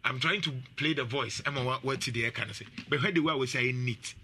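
A man hosting a talk show, giving animated, casual commentary and laughing often. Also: medium pitch, a little fast, slight background noise. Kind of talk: casual commentary mixing Twi and English.

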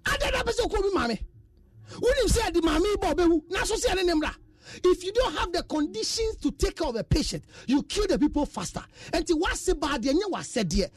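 A loud Ghanaian man argues on a radio panel, switching between English and Twi. His voice sits high and jumps around a lot in pitch. He sounds set back from the microphone. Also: sing-song, a little fast, dry recording, studio quality, far from the mic. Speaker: counselor panelist. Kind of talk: heated radio panel debate.

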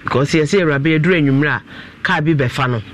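A man with a Ghanaian accent, a pastor questioning family members in a dispute in an animated, coaxing manner. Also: fairly high pitch, racing, a little hiss or hum. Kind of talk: mediating a family dispute on a broadcast.

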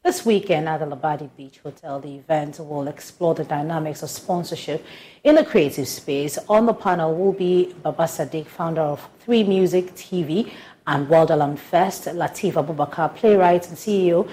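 A woman anchoring an entertainment news slot with a lowish voice. She reads her script in a measured, formal way. Her delivery is steady and composed.

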